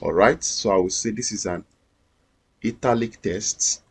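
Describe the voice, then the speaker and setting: A man's voice: fairly low pitch, a little slow, breathy edge. A man teaching a screen-recorded coding lesson, explaining each step patiently and repeating himself. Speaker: coding instructor.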